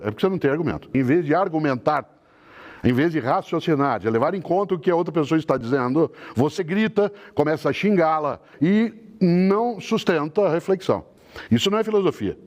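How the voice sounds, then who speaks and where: A man's voice: on the high side, expressive, fairly quick, darkish tone. A man giving an explanatory talk, building an emphatic, step-by-step argument. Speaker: lecturer.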